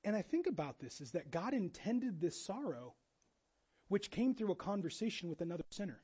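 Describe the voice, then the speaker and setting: A man preaching a sermon as pastor, animated and jokey, acting out quoted voices with casual asides. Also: high voice, brisk, husky, dull audio. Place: church.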